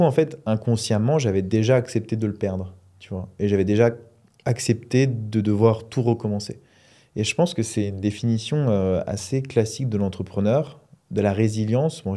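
A man's voice: fairly low pitch, warm tone. A man co-hosting a podcast, talking casually and rambling with many fillers. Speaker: podcast co-host.

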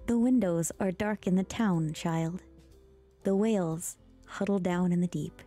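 A woman streamer giving a soft ASMR-style storybook reading, speaking gently, dipping into whispers and making mock-exasperated asides. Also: lowish voice, steady tone, unhurried, faint music behind.

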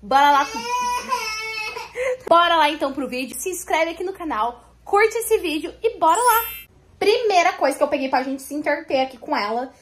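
A young vlogger mom films her family at home on a phone camera, chatting to viewers in a lively way. Her voice sits high and her pace is moderate, with slight background noise.

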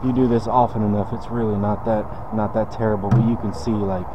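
A man's voice: on the low side, level tone, a little fast, lo-fi sound, noisy background. A man, casually explaining a car detailing task as he works. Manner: laid-back, talks while working. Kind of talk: casual how-to demonstration. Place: detailing shop.

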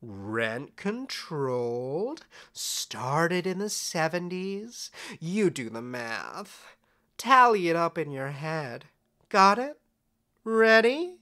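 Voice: mid-range voice, sharp tone, heavily acted. An actor playing Puck's part as a scheming, flamboyant fairy, charming and smug, in a conversational audio drama. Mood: gossipy, exasperated. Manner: theatrical, sly, emphatic.

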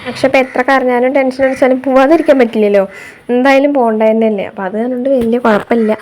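With a steady voice on the high side, a young vlogger mother from Kerala, India rattles quickly through her daily chores, chatty and softly tagging on "you know." Her voice-over was recorded separately and has a faint hiss or hum.

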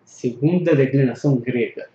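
A man's voice: medium pitch, moderate pace, mellow. A man teaching a recorded Greek grammar lesson, patient and explanatory, often repeating and reviewing terms. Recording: echoey, dull lo-fi room recording.

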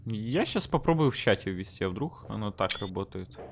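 Male gamer, highly animated and joking, casual horror-game chat, faint noise behind the voice. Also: brisk, vocal fry.

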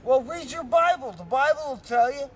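Middle-aged man, terse halting replies, high voice, distant camera mic on a street with traffic. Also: expressive. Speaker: interviewee. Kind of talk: street interview answers. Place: city sidewalk outdoors, sitting against a wall. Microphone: handheld camera mic from a few feet.

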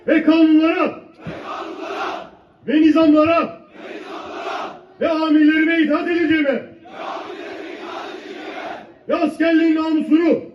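A military officer shouting commands and leading a formal oath at a ceremony, in slow drawn-out phrases. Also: male voice, extremely high pitch, noisy background. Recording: echoey, distant, dull outdoor ceremony recording.

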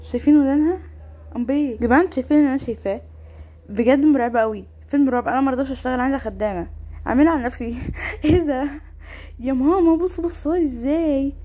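Young woman, rapid-fire, a bit high, mellow tone, excitable game voice-over. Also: dull audio. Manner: excitable, exclaiming often. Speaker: gaming YouTuber. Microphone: home microphone voice-over.

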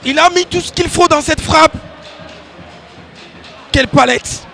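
A man giving excited live football play-by-play commentary, exclamatory and repeating phrases for emphasis. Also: extremely high pitch, a little slow, faint music behind, some chatter behind.

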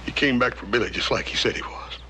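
An actor in his thirties playing a big, gentle, guilt-stricken cowboy son in a TV western, with a rural Western American accent and halting, plain-spoken speech. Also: medium pitch, close to an everyday voice. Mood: shaken. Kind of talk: TV western drama acting. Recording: noisy old television soundtrack.

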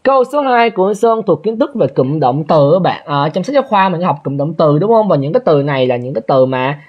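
A man teaches an exam review in a chatty way, often checking that listeners follow. His pitch swings widely and his voice sounds husky. The recording is dull and lo-fi. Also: big pitch swings, brisk. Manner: chatty, keeps asking listeners to confirm. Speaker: English teacher.

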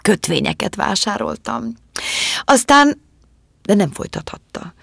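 A woman voicing a young woman who confesses in a quiet, controlled way and turns commanding, in an audiobook. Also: medium pitch, big pitch swings, gravelly, slightly rough, dry recording, studio quality, pitched above the performer's own voice, full character voice. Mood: cool confession. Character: young woman calmly confessing, icy and composed.

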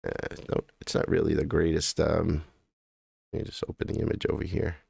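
A man's voice: a bass voice, completely flat delivery, fairly quick, creaky, a little mellow, breathy edge, dry recording, clean studio sound. An American man hosting a livestream, rambling and correcting himself as he thinks aloud while clicking through images. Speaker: livestream host. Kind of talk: casual livestream commentary.

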